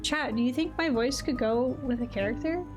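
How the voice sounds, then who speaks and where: A woman's voice: high-pitched, normal speed, music in the background. A young woman streaming a game, chatting in a casual, self-deprecating way and laughing often. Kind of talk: casual chat while playing a game.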